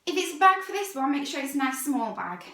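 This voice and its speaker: A woman's voice: high voice, very animated, quick pace, fairly bright tone. A young woman, a fitness instructor, talking casually through a workout vlog, upbeat and chatty, at times out of breath.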